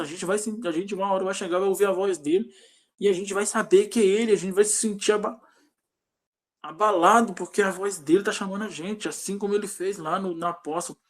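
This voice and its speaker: Brazilian man, high-pitched, informal lay preacher; earnest, repetitive, loose devotional delivery. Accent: Brazilian Portuguese. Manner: earnest, rambling, repeats himself, acts out shouted prayers.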